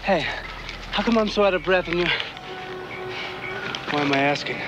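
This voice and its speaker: An eager young sidekick with a high, bright-sounding voice who cracks jokes as he talks as a young man plays him. A loud music score runs under him. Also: lightly acted, rough recording. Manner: quick, joking.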